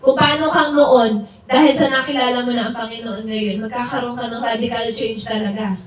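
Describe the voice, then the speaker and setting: At a house church gathering, a woman with a slightly high voice preaches an informal, chatty sermon at a brisk pace and with fairly even intonation. She slips in English words and acts out what her friends say. The room is very echoey, with a distant mic and a faint hiss.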